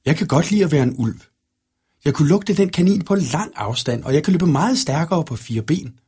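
A man's voice: a little high, animated, a little mellow, slightly rough, voice pushed up. Brombær, a man doing an eager wolf-boy. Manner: eager, quick. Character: young elf boy turned wolf, eager and proud.

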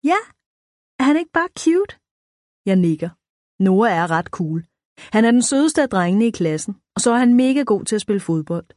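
A woman reading a first-person children's story aloud, in a clear, even storytelling way. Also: mid-range voice, no room sound, clean studio sound. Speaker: audiobook narrator.

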